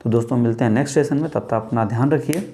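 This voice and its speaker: A man's voice: medium pitch, rapid-fire, dark tone. A man teaching grammar in Hindi, asking rhetorical questions and calling his viewers friends. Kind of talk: Hindi-English grammar lesson.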